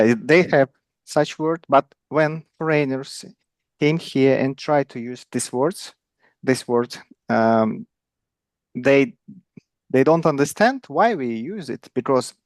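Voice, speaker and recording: Club participant, creaky voice, hesitant delivery, close dry sound. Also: mid-range voice, slow, no room sound. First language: Russian. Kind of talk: halting conversational second-language speech.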